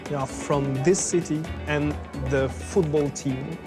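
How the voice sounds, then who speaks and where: A man's voice: fairly high pitch, steady tone, slow. A man with a French accent giving a casual interview, explaining in simple English and repeating phrases for emphasis. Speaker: filmmaker and sports writer, interviewee. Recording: music behind the talk.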